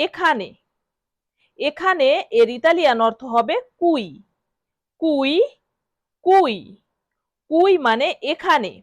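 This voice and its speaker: High-voiced woman teaching vocabulary. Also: no echo. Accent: Bengali. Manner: repeats each word slowly for learners to copy. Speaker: language teacher. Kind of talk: instructional lesson.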